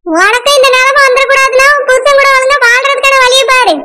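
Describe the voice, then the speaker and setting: A woman voicing a scheming, sharp-tongued middle-aged village mother in a cartoon, with a Tirunelveli Tamil accent and a scolding manner. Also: extremely high pitch, steady tone, quick pace. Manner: scolding, nagging. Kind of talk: cartoon voice acting.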